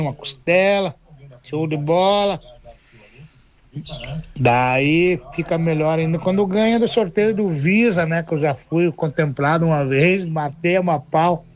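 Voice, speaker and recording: Brazilian man phoning a radio show, fairly high voice, cheerful and chatty. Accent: Brazilian Portuguese. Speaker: radio caller. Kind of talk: casual phone call.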